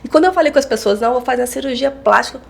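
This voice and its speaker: A woman in her forties tells a personal story in a relaxed podcast conversation, with a notably gravelly, fried texture and a somewhat high pitch. She speaks candidly and slips into the voices of the people she quotes. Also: very fast. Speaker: psychologist and lecturer. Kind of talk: casual podcast chat.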